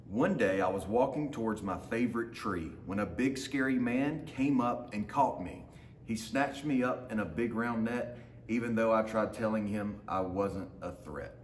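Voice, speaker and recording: In a big open lounge with hard flooring, a man in his thirties reads a picture book to his students as their teacher, dropping in brief remarks to the listeners. He has a lowish voice and a moderate pace, and the audio carries roomy echo with faint background noise.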